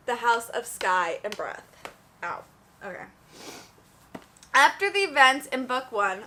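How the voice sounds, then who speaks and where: A woman's voice: fairly high pitch, sharp tone. A young woman chatting casually about books in a review vlog, gushing and full of "like"s. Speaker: book reviewer.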